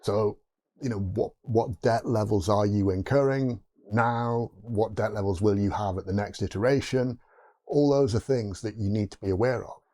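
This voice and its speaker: A Geordie man hosts a tech video, explaining things off the cuff. His voice sits low, with a mellow, warm tone. He rambles, restarts sentences and drops in asides like "you know" and "yeah?". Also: normal speed. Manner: rambling, restarts mid-thought, rhetorical asides. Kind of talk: unscripted explainer to camera.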